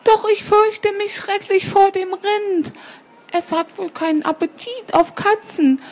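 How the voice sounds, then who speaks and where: A tiny, timid sparrow chick, as a woman reading a storybook puts it on, polite and anxious. The voice is pitched very high and thin, well above an ordinary speaking voice. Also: measured pace. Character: small polite fearful sparrow child.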